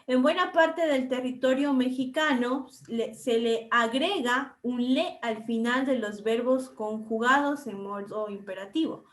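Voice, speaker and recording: A woman teacher lectures her class in a high voice. She explains things step by step and keeps checking in with short tag questions. Her voice carries an echo, as if from a bare room. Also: unhurried, few pauses.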